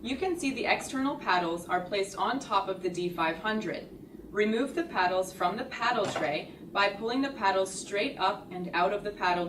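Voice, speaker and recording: A woman reading a scripted product tutorial in a measured, step-by-step explanatory way. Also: medium pitch. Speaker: instructional video narrator. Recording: roomy, distant, clearly noisy recording.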